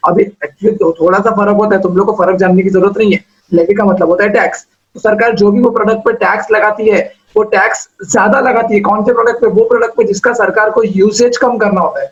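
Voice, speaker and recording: Man, high voice, teacher lecturing, asks and answers his own questions, dull lo-fi sound. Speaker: commerce teacher. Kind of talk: classroom lecture.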